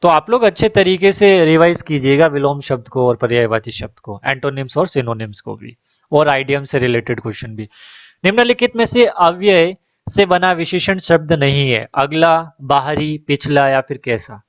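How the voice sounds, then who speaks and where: A man's voice: on the high side, expressive, normal speed, no echo, muffled recording. A man who works as a teacher, going through exam questions one by one: he reads each question and its options, then gives the right answer.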